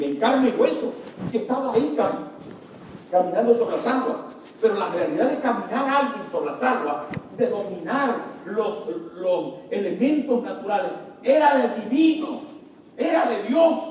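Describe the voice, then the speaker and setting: A man's voice: extremely high pitch, a little mellow, a little hiss or hum. A man preaching a sermon as pastor, calling out to the congregation and acting out frightened shrieks. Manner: preaching with call-outs to the congregation; acts out frightened shrieks in quoted voices. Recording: very echoey hall, mic at a distance.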